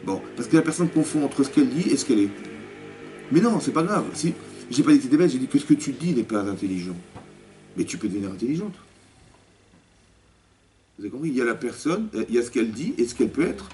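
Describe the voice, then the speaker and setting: A male rabbi giving a spoken religious lesson to a women's class, lively, often asking the listeners questions and acting out dialogue. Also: mid-range voice, quick pace, pauses often, soft background music. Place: community hall classroom. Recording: distant mic with faint background noise.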